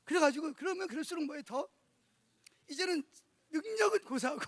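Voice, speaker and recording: Male pastor, middle-aged, very high voice, dry close sound, animated sermon storytelling, questions thrown to the congregation. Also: moderate pace, dry recording. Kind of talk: sermon at a church conference.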